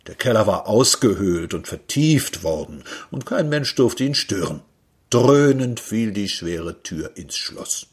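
A man reading a literary story aloud in a wry, lively storytelling manner. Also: fairly low pitch, a little slow, husky. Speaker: reader.

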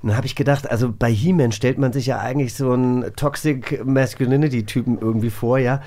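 A man who hosts a radio play podcast chats casually and nerdily about audio dramas. His warm, medium-pitched voice holds a steady tone at a fairly quick pace.

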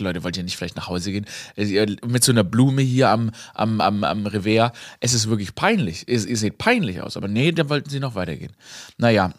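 A young man hosting a podcast, telling a comic story in a lively way, dropping English phrases and laughing at himself. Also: medium pitch, no room sound, clean studio sound. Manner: animated, mixes in English phrases and laughs at his own story. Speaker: podcast host.

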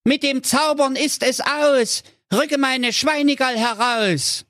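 A high, squeaky, dim young nobleman proclaims his brilliant ideas with eager excitement in a comic storybook tale. Dry, close recording. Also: slow pace, dry recording, full character voice. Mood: heroic.

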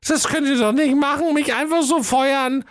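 Kotkäppchen, a squeaky tipsy woman, as a man puts her on. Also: steady tone, moderate pace, dry recording, clean studio sound. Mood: indignant. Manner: slurred, tipsy, stumbles over words. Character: drunken, squeaky woman programmer, sulky and cheeky. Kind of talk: comic radio fairy-tale acting.

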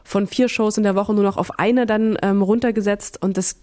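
Woman, 30s, presenter, podcast guest, casual frank chat, slangy, mid pitch. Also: fairly even intonation, normal speed, darkish tone. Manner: chatty, frank, lots of fillers and slang.

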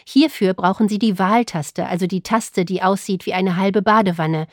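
A woman reading the lines of a calm, matter-of-fact male shop assistant in his mid-thirties. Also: mid-range voice, moderate pace, no echo, studio quality, natural voice. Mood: patient.

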